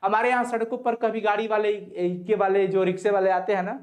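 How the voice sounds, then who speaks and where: A man's voice: sits high, level tone, fairly quick. A young man teaching a Hindi story in an online class, repeating his own questions and answering them, reassuring students as he goes. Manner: reassuring, coaxing students to listen.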